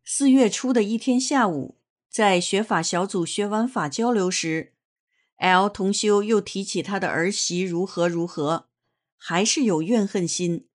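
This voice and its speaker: Woman narrator, unhurried, earnest read-aloud testimony, mid pitch. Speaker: reader of a personal testimony.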